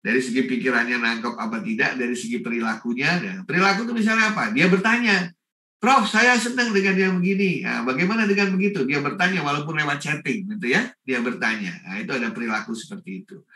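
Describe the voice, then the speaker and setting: Animated bright-voiced man on a video call. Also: on the high side, echoey room, distant mic. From Indonesia. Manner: animated, mixes English phrases, greets people by name. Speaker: forum speaker. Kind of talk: lively online seminar talk.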